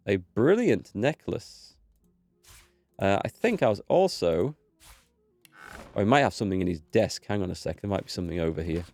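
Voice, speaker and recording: Creaky and a bit dark in tone, this fairly low voice belongs to a gaming video host whose nose is still slightly stuffed from a cold he hasn't fully shaken. He keeps things easygoing in his let's play commentary, thinking aloud and reading in-game text as he plays.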